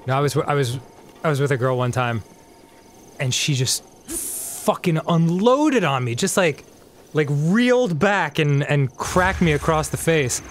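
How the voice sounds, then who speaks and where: A New Jersey man co-hosts a gaming show, telling casual stories over video game music with slight background noise. His voice is fairly high and unhurried. He's animated, laughs often and acts out the voices he quotes.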